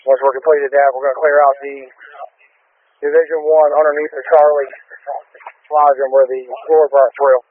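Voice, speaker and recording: A man's voice: mid-range voice, flat delivery, normal speed, no room sound. Man, firefighter radioing in emergency reports. Plain, informal delivery, narrow dry two-way radio sound, ambulance-radio style. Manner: matter-of-fact, informal. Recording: thin, tinny two-way radio transmission.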